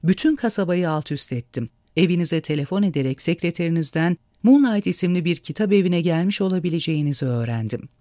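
A man reading a story aloud and voicing an excited, deferential middle-aged stockbroker. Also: fairly high pitch, quick pace, few pauses, dry recording, studio quality, close to an everyday voice. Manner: excited, then apologetic and deferential. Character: flustered middle-aged male stockbroker, fawning.

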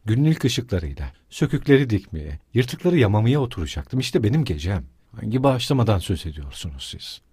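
A man reading the lines of a bitter, consumptive poor mother who lashes out in anger, his own husky voice barely changed. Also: lowish voice, very animated, brisk, hardly any pauses, mellow, no room sound, clean studio sound, exaggerated voice. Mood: bitter, furious. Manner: angry, accusing outbursts.

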